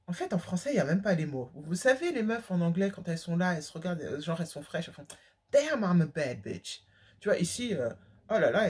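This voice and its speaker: A woman's voice: on the low side, a little mellow, husky. A young woman from France talking candidly to her viewers in a casual vlog, emphatic and full of slang and fillers. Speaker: vlogger. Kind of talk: casual talk to camera.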